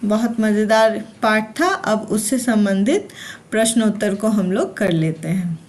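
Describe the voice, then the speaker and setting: Slow, patient woman teaching young kids. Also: mid-range voice, darkish tone. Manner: repeats lines and asks then answers her own questions. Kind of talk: slow read-aloud lesson for young children.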